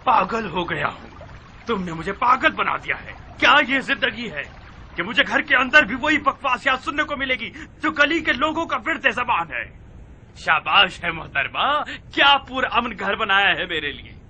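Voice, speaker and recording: A man's voice: high voice, lively intonation, normal speed, pushed and bright, a little hiss or hum, heavily acted. An actor playing an irritable, short-tempered husband and father in a dubbed historical drama, scornful and sarcastic. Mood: angry.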